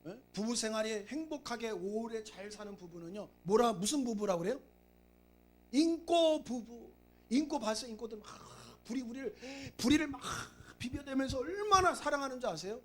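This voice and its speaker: A male pastor preaching a sermon, urging his congregation with emphatic repetition and stories. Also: very high-pitched. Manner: emphatic, repetitive exhortation with storytelling.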